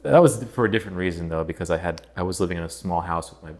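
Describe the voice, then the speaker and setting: A man with a very low voice hosts a relaxed conversation with a guest. He speaks casually, filling his sentences with "like" and friendly agreement. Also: racing. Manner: casual, many "like" fillers. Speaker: host, composer.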